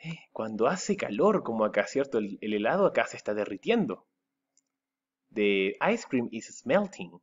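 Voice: medium pitch, big pitch swings, moderate pace, dull audio. An English teacher from Chile with a Chilean Spanish accent, patiently drilling words and switching between Spanish and English in a recorded lesson. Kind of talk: remote classroom lesson.

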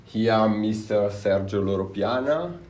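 A young man with an Italian accent gives a casual tour of his tailoring workshop, pausing often with "uh" fillers, recorded on a visitor's handheld camera in an indoor workshop. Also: fairly low pitch, expressive, a little mellow. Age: young adult. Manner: halting, with frequent "uh" fillers. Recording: roomy workshop, faint ambience.

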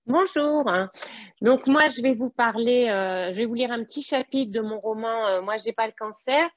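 A woman's voice: on the high side, normal speed, no room sound. A woman from southern France introduces and reads her own autobiographical novel, earnest and a little hesitant between passages. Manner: earnest, with hesitant fillers when speaking freely. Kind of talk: introduction then literary reading.

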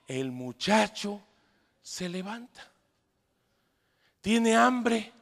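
Man, priest, middle-aged, bright ringing voice, high pitch, emphatic storytelling, long hall reverb. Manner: animated, emphatic, joking asides. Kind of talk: storytelling talk to a live audience. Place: large hall with an audience. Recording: echoey hall.

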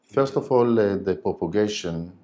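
A man in his forties, not a native English speaker, explaining technical matters haltingly in a studio interview on a lapel mic. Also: fairly low pitch, expressive, warm tone. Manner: halting, hesitant phrasing. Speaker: interview guest, company director.

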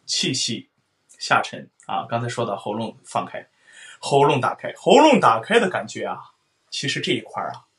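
A male voice teacher gives a singing lesson with a bright, forceful tone. He explains how resonance works and keeps singing loud vowel sounds to show it. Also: mid-range voice. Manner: explains then sings vowels, loud sung demonstrations.

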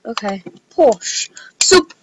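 A woman's voice: extremely slow, noisy background. A woman giving casual, playful commentary while playing dress-up games at a computer. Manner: giggly, playful, chatty. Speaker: gameplay vlogger.

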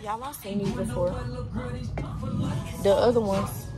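A woman's voice: medium pitch, fairly even intonation, a little slow. A young woman talking casually to her phone camera, chatty and slangy, swearing freely. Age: young adult. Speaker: vlogger. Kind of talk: casual vlog chat. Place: store fitting room, car, crowded outdoor fair. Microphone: phone held close. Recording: loud music and crowd behind at the fair.

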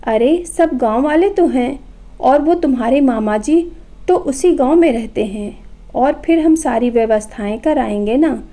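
A woman's voice: high-pitched, lively intonation, measured pace, dark tone. A woman reading as a haughty, scolding wife. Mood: scornful. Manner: scolding, dismissive. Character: haughty status-conscious young wife.

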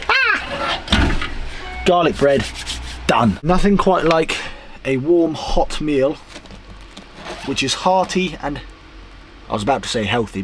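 A young man chatting excitedly to camera as a van life vlogger inside his small camper van. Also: a little high, a little hiss or hum. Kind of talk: casual vlog narration to camera. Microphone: camera held or set close.

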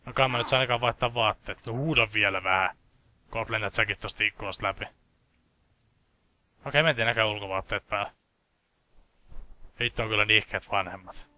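A young man from Finland talks over his gameplay in a sarcastic, joking, foul-mouthed way. His voice is low-pitched yet very bright and sharp. He sounds loose and casual. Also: long pauses. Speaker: gameplay commentator. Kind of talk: casual let's play commentary.

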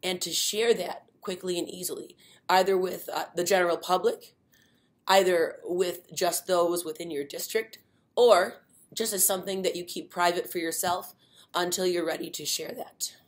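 Explaining things at a relaxed, unhurried pace, this middle-aged webinar trainer fills her speech with many fillers. She has a somewhat low voice, and the session is an informal instructional one.

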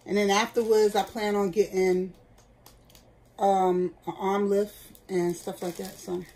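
A woman's voice: medium pitch, little pitch movement, unhurried, mellow, low-quality recording. Casting: middle-aged woman, candid home vlog chat, faint background hiss. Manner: chatty and candid, talks straight to viewers. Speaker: vlogger. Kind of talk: casual chat. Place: at home, seated indoors.

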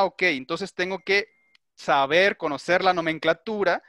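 Bright-voiced male teacher, methodical. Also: on the high side, no room sound, studio quality. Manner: methodical, explains step by step and checks understanding. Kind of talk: online class lecture with questions to students.

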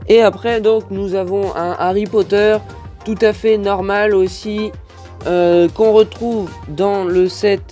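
A man's voice: high voice, fairly even intonation, takes it slowly, warm tone, soft background music. A man with a French accent casually reviewing a toy set, hesitant with many fillers and lots of detail.

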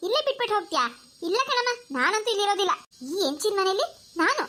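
A bratty younger sister in a cartoon, mocking and whining in a very high, squeaky voice that a woman puts on. Her tone is bright and sharp, and she sounds sassy and spoiled. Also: sing-song, fast talker, heavily acted. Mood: whiny. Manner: mocking, whiny. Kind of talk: cartoon voice acting.

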